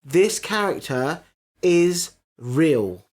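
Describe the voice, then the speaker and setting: A man co-hosting a relaxed podcast chat. He pushes his opinions forcefully, repeats himself for emphasis and talks over whoever is speaking. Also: on the high side, drawn-out words. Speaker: podcast co-host. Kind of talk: casual chat.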